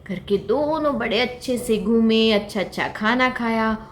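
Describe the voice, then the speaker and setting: A woman telling a children's puppet story in a slow, expressive way. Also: on the high side, a little hiss or hum. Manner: slow, expressive, sing-song. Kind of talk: storytelling for kids.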